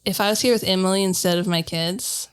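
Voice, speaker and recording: A woman co-host on a podcast, rambling quickly and excitedly in casual chat. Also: mid-range voice, over a noisy crowd.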